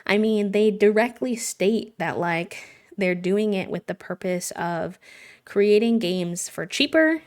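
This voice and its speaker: A woman's voice: medium pitch, takes it slowly, darkish tone. A woman livestreamer chatting earnestly with her viewers, talking casually with lots of "like"s. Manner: earnest, conversational, many "like"s. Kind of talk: casual live-stream chat.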